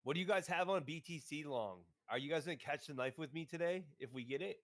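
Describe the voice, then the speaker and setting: A man trading crypto on a live stream, hyped and profane, breaking into excited exclamations. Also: a little high, fast talker. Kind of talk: casual chat on a live stream.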